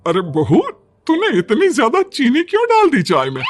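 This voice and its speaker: Fussy older mother-in-law, scolding lightly, voiced by a man, high voice. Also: huge pitch swings, moderate pace, slight background noise, heavily acted. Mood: exasperated.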